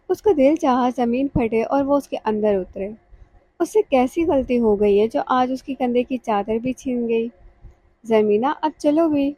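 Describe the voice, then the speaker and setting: A woman reads a romantic novel aloud in a measured, emotional way. Her voice is fairly high yet mellow and dark. The recording is close and dry. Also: no room sound, poor audio. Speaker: narrator. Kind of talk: scripted audiobook narration.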